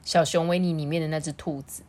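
A woman's voice: low voice, steady tone, fast, darkish tone. A woman reading a picture book aloud to her child at home, stopping to ask questions.

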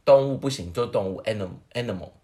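A podcast co-host, telling and judging jokes in casual chat and bursting into high laughter often. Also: a little fast. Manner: animated, swings pitch widely.

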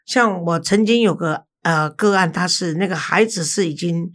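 A woman's voice: lowish voice, normal speed, fairly bright tone. An older woman, hosting a podcast and telling a counseling case story. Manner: storytelling, acts out quoted people. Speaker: host and counselor.

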